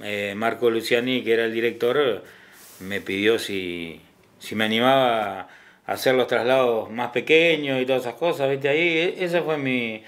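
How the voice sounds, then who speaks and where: A middle-aged man with an Argentine Spanish accent speaks in an easy, conversational way at a medium pitch. He stops and starts, repeats words and often checks in with his listener. He sounds like a hospital ambulance driver telling his story. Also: normal speed, a bit bright. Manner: hesitant, repeats words, adds tag questions. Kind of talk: casual interview talk.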